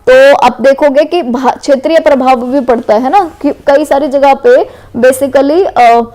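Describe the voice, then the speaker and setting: Casting woman teacher, western UP Hindi accent, high voice, patient MCQ revision, tags lines with "है ना". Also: measured pace, warm tone. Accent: western Uttar Pradesh Hindi. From Uttar Pradesh, India. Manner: explanatory, repeats "है ना" and "correct है". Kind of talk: exam MCQ revision lesson.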